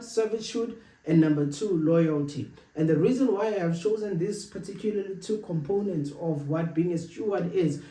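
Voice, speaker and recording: A man delivers a sermon-like motivational talk in a high, soft-edged voice. He is earnest and emphatic, hammering points through repeated phrases. The recording is echoey and sounds some way from the mic. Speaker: motivational speaker. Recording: roomy echo, distant from the mic.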